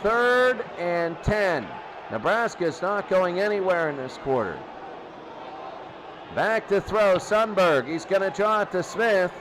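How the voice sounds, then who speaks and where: Speaking slowly yet animated in a high voice, a man handles play-by-play for a football game over background noise. He uses clipped, short, excitable calls and keeps repeating his lines.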